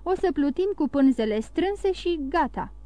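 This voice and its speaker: A woman's voice: sits high, expressive, dark tone, no room sound, pitched above the performer's own voice. A woman voicing a blunt, loyal old sailor who talks plainly and earnestly in a storybook reading. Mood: eager.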